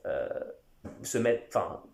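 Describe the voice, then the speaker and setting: A man who teaches English, talking casually on his podcast with many pauses and restarts. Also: reverberant. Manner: conversational, many fillers and restarts. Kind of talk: casual solo podcast talk.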